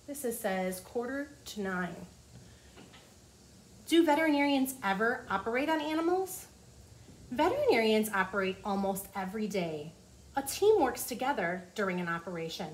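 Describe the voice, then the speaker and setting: Reading from a children's nonfiction book like a teacher, a woman in her forties explains things simply for young listeners in a small office. Her voice is fairly high with lively intonation, moving at a moderate pace. There's clear room noise in the background.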